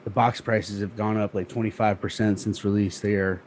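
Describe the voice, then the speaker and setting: A man's voice: lowish voice, flat delivery, moderate pace, darkish tone, slight background noise. A man co-hosting a casual livestream, chatty and upbeat as he talks about his hobby. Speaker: co-host, card breaker.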